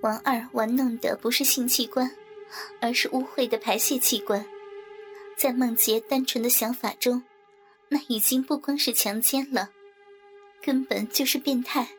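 A woman narrating a scripted adult audio story in a soft, even delivery. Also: a little high, measured pace, soft background music.

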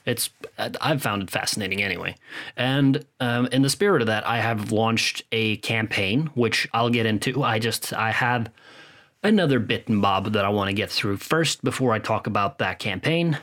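Man rambling in a low voice. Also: normal speed, a bit bright. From Norway. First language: Norwegian. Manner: rambling, frank, swears freely, many restarts. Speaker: podcast host. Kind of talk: casual solo monologue.

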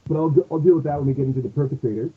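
A man's voice comes through muffled and hollow, as if he were talking from inside a tunnel. The sound is thin and phone-like, with a rough, husky edge. He rambles casually, restarting his sentences as a podcast co-host. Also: medium pitch, rapid-fire. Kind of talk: casual discussion of a detective story. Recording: muffled phone-like bad mic.

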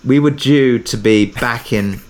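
As an interview guest, a man shares production anecdotes casually and conversationally, thinking aloud as he talks. His voice is medium-pitched and a little slow.

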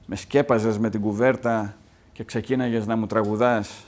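A man's voice: on the low side, steady tone, a little mellow, close to an everyday voice. A man reading the part of a restless young man who is evasive and tender toward his dying mother. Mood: gentle. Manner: read aloud from a play translation.

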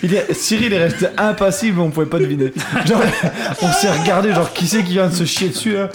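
A man's voice: sits high, brisk, a loud crowd. A man co-hosting a radio show, teasing and laughing through the banter. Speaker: radio co-host.

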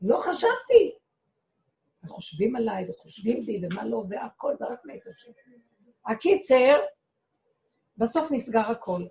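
A woman's voice: a little high, big pitch swings, gravelly, long pauses, warm tone, highs cut off. A woman speaking as a rebbetzin, telling a personal story to an audience in a dramatic way. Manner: dramatic storyteller who acts out her own cries and quotes. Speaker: rebbetzin giving a talk. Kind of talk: personal testimony told to an audience.

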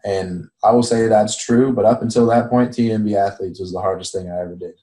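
A man in his twenties, a former college football player, giving measured, reflective answers with frequent ums. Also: lowish voice, steady tone, mellow. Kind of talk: casual reflective interview answer. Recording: roomy echo.

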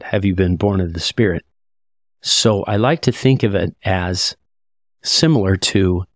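Low-voiced earnest man teaching scripture. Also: dry recording, studio quality. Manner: earnest, reflective, quotes verses aloud. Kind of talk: conversational scripture lesson.

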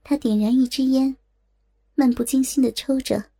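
A woman telling a first-person story in calm, steady narration. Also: high-pitched, moderate pace, slightly rough.

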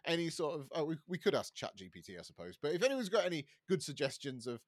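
A man's voice: a little high, very animated, fast, dry recording. Man co-host, casual and self-mocking, swinging voice, dry webcam audio. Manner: self-deprecating, rambling with restarts. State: recovering from a bug. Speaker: podcast co-host. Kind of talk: casual chat. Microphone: cheap webcam on a video call.

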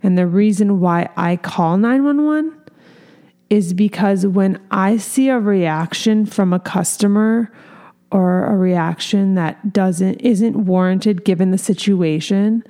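A woman's voice: medium pitch, slow pace, dark tone. A woman in her thirties, a salon owner and hairstylist, talking candidly in a casual podcast chat with many fillers. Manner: earnest, candid, lots of fillers.

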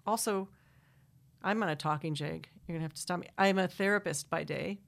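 A middle-aged woman from Wisconsin with a Wisconsin accent talks into a studio microphone in a slightly low voice. She rambles through long, self-interrupting answers and laughs easily between thoughts. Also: brisk, gravelly. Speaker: singer-songwriter guest. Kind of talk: casual interview chat.

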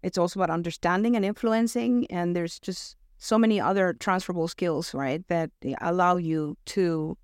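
A middle-aged Venezuelan woman with an American accent, a talent acquisition director, joins a podcast as a guest for a casual interview chat. Her smooth, clear, slightly mellow voice sits on the low side and sounds dry and close to the mic with no room sound, moving at a normal speed with few pauses. She comes across as upbeat and thoughtful and often says "you know" and "right?"

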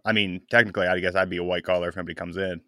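Man, podcast co-host, low voice, rambling, wry, casual chat. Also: little pitch movement, a bit bright. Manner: rambling, halting restarts, wry.

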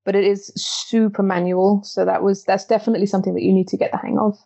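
A woman's voice: medium pitch, little pitch movement, fast, gravelly, warm tone, breathy edge. A woman in her twenties from Belgium, a podcast guest who talks chattily and often breaks off to restart her thoughts. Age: 20s. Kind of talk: interview conversation.

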